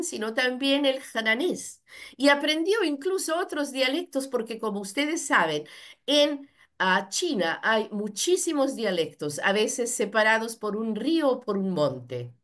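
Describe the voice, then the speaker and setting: Woman interpreter, fluent, first person, kinda high and very lively. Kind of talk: consecutive interpreting at a seminar.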